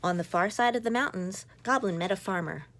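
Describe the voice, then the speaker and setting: A woman's voice: medium pitch, a little fast, a bit bright, a little hiss or hum. A woman in her thirties, a mother, reading a children's picture book aloud with playful asides to young listeners. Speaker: children's story reader, mother.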